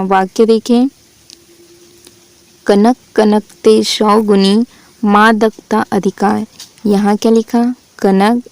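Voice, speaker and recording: Woman teaching in a flat, dry voice. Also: medium pitch, no room sound. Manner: drills with repeated questions and answers; recites verse examples slowly. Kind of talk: Hindi grammar lesson.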